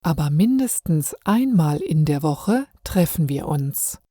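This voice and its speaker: A woman narrating a first-person story for learners, calm and warm. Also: low voice, measured pace, dry recording, clean studio sound.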